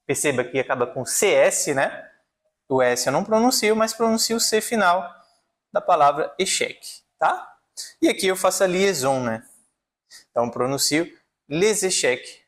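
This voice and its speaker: A man with a slightly high voice teaches a French pronunciation lesson. He explains each rule step by step, writing on a board as he goes. He keeps checking in with his listeners. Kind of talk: online language lesson.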